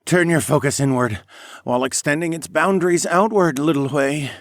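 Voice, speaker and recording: A man's voice: moderate pace, no room sound, clean studio sound, lightly acted. Man doing a feverish old great-granduncle. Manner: low, feverish mumbling. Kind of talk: audiobook character voice.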